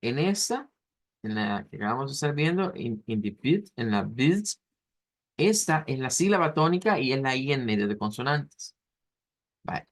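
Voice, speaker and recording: A man's voice: mid-range voice, sing-song. A male teacher explaining pronunciation in a class, saying each word several times and breaking it into syllables. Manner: repeats words slowly, splitting them into syllables.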